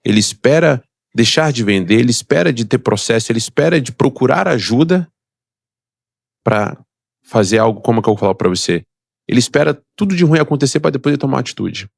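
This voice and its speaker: A middle-aged man with a Brazilian Portuguese accent tells his life story as a podcast guest, fast and emphatic. His voice has a gravelly rasp and sits at an ordinary pitch. The sound is close and dry. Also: lively intonation, dry recording. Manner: emphatic and motivational, acts out quoted voices. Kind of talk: personal storytelling in a podcast interview.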